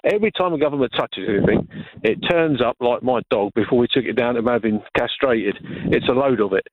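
A man's voice: mid-range voice, a little fast, no room sound. A middle-aged Englishman phones a radio show and rants with frustration. His voice comes through a thin, phone-like line. The sound is close and dry. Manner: passionate ranting, frustrated. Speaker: caller. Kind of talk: phone-in rant.

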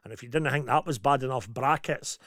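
A Scottish man co-hosts a radio show, bantering with his partner and reading listener messages with plenty of jokes and fillers. His medium-pitched voice is brisk and fairly bright, captured cleanly on a studio mic with no room sound.

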